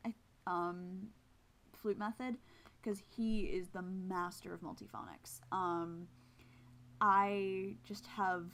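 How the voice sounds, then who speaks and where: A woman flute player with missing teeth, giving an informal, hesitant and self-deprecating tutorial. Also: mid-range voice. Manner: casual, self-deprecating, hesitant while explaining. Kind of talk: informal instructional talk with demonstrations.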